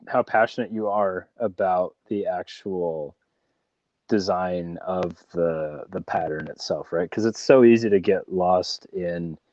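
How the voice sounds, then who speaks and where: A man's voice: low voice, a little mellow, dry recording, muffled recording. A man hosting a casual interview, encouraging and rambling, who often ends his points with "right?". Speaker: podcast host.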